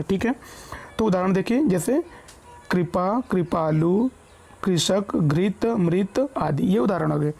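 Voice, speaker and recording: A woman teaching a reading lesson, slowly spelling out words syllable by syllable in a patient way. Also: fairly low pitch, vocal fry, mellow, breathy edge. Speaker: Hindi teacher.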